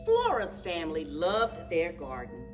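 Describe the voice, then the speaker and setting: Speaking to young children directly, a story time librarian reads a picture book aloud in an expressive, deliberate way. Her voice sits on the low side, picked up by a distant microphone with music mixed in.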